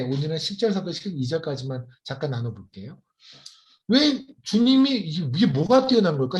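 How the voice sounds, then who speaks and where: A man preaching a sermon as a missionary, humorous and lively, acting out quoted voices. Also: high voice.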